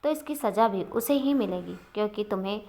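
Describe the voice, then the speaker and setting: A woman's voice: mid-range voice, lively intonation, fairly quick, warm tone, natural voice. A woman voicing an angry, jealous young husband in a storybook reading, curt and brooding. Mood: sulky.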